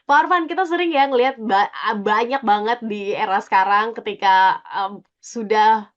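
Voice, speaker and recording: A woman hosting a radio talk show, greeting listeners and putting lively questions to her guest. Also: a little high, normal speed, dull audio. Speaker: radio host.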